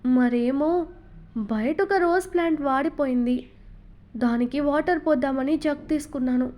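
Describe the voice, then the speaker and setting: A woman's voice: sits high, normal speed, darkish tone, close to an everyday voice. A woman reading a novel aloud and voicing a clever little boy who talks his way out of trouble with innocent excuses. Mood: wheedling.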